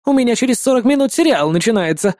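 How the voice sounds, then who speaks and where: A man's voice: extremely high pitch, animated, fast, a little mellow, no echo, clean studio sound, pitched above the performer's own voice. A man voicing chatty, nosy old grannies stuck in a cable car, speaking in a prying, fussy way.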